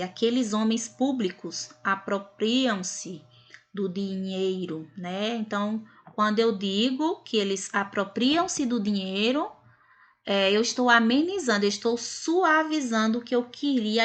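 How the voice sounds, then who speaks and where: A woman's voice: fairly high pitch, a bit bright. A woman teaching a recorded grammar lesson, explaining step by step and ending points with tag questions.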